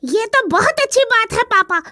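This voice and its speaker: A woman's voice: extremely high pitch, lively intonation, moderate pace, sharp tone, full character voice. A woman voicing an eager young male crow chick in a cartoon story, repeating sounds after his teacher.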